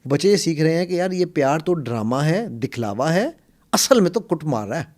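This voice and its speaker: A man with a somewhat high voice teaches about marriage and love in conversation. He talks with emphasis and animation, mixing English terms into his speech like a seasoned coach. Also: very animated, darkish tone. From Pakistan. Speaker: mind coach and NLP trainer.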